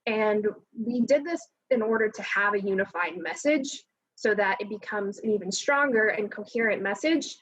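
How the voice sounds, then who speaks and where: A woman's voice: mid-range voice, moderate pace, slightly rough, poor audio. A young woman speaking as an alumna on a panel discussion, earnest and organized, over a video call.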